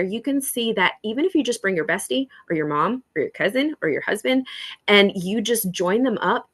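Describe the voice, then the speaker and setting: A woman's voice: mid-range voice, fairly bright tone. A woman hosting a welcome call for new members, chatty and encouraging. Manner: encouraging, chatty, acts out little dialogues.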